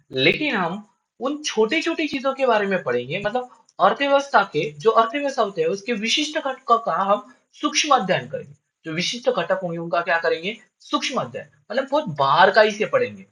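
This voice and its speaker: A male teacher giving a classroom lecture, who keeps asking questions and answering them himself and repeats key lines for his students. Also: rough recording. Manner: lively up-and-down pitch.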